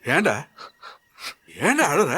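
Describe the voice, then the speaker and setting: Older dad role: unhurried, soft, consoling, played by a man in a serial dub. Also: high-pitched, wildly swooping pitch, husky, exaggerated voice. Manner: slow, gentle, consoling. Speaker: father figure. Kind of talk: dubbed serial dialogue.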